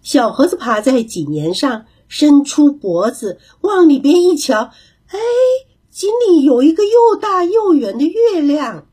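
Breathy lady storyteller, slow, bit high, very animated. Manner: animated, expressive narration. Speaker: children's storyteller. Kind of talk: reading a children's story.

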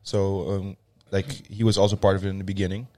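A man's voice: sits low, little pitch movement, quick pace, warm tone, no room sound. A young man, a gym co-founder, telling a loose, swearing story in a casual podcast chat.

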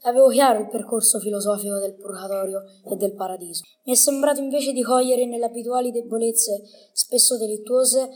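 A woman with a medium-pitched, somewhat dark voice lightly acts the part of a proud, learned medieval male poet in a scripted radio interview. Her delivery is formal and didactic, full of bookish phrasing.

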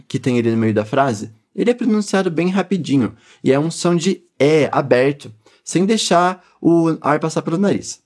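A man with a Brazilian Portuguese accent teaches pronunciation in a lively, animated voice that swings up and down. He encourages the listener and says each word slowly for them to repeat. His voice sits a little high for a man. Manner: encouraging, models words slowly for repetition. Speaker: language teacher. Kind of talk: pronunciation lesson.

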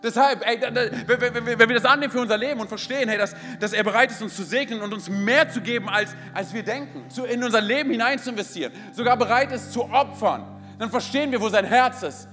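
A man's voice: extremely high pitch, fast, sharp tone. A man in his thirties preaching a sermon, energetically calling out to the congregation. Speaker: pastor. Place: large church hall. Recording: hall reverb with faint music.

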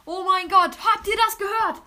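Woman playing a shrill, overhyped star YouTuber. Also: normal speed, heavy background noise. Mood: hyped. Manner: exaggerated high put-on voice; constant excited exclamations. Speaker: let's player. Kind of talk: gameplay let's play.

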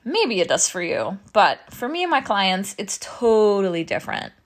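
A woman's voice: medium pitch, very animated, moderate pace. A woman in her thirties, a business coach talking casually to her audience, out of breath, chatty and asking "right?" often. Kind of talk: casual teaching talk.

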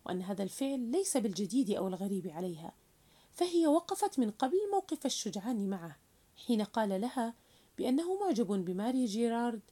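Female storyteller, lively pitch, mellow tone, retelling a novel. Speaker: narrator.

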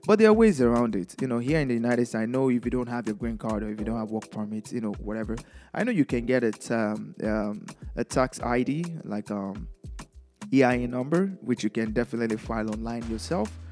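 Chatty Nigerian-accented DJ giving tips. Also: male voice, medium pitch, a little fast, faint music behind. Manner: lively, chatty, laughs often. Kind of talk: casual advice vlog.

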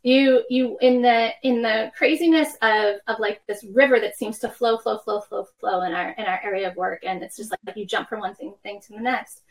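A woman's voice: mid-range voice, steady tone, moderate pace, hardly any pauses, low-quality recording. A woman in her fifties, a worship professor speaking as a podcast guest, explaining ideas reflectively through personal anecdotes. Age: 50s. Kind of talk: conversational podcast interview.

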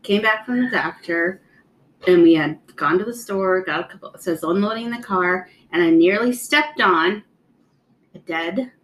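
A woman's voice: lowish voice, moderate pace, a bit bright, rough recording. A woman co-host talking in a casual, conversational chat style.

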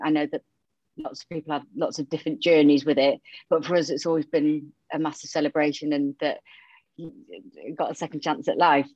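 As a guest in a casual podcast interview, a woman from Romania who has a Yorkshire accent talks openly and chattily, using many fillers. Her low-pitched voice is a little mellow, with no echo, though the audio sounds dull and muffled.

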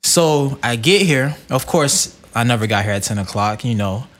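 A man's voice: medium pitch, expressive, normal speed, a little hiss or hum. A young man hosting a casual podcast in slangy bro talk, telling stories and repeating phrases for emphasis. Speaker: podcast host. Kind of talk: casual podcast banter and storytelling.

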